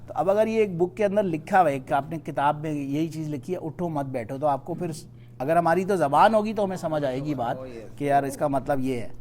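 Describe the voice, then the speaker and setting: A man teaching a Quran study class, explaining patiently and reciting verses slowly. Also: a little high, darkish tone, a little hiss or hum.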